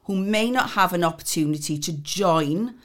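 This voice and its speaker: Low-voiced middle-aged woman, Swansea accent. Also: animated, moderate pace. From Swansea, Wales. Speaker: podcast guest, actor and drama tutor. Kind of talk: conversational interview.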